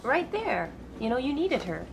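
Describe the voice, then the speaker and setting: A woman's voice: high-pitched, big pitch swings, moderate pace, gravelly, full character voice. An actress playing a preachy, blunt woman in a conversational comedy drama, earnest and casual. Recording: noisy ambient background.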